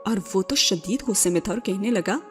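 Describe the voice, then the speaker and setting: Female narrator for a serialized novel, measured and steady, soft music underneath. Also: mid-range voice. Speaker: novel reader. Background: faint background music.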